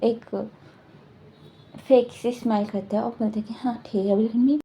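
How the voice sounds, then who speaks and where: A woman's voice: fairly high pitch, fairly even intonation, normal speed, dark tone, a little hiss or hum. A woman casually retelling a fan story, rambling and repeating her filler words.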